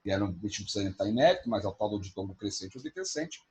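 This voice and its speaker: Male teacher, husky voice, animated delivery, online class. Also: on the low side. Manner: lively, spells out examples slowly.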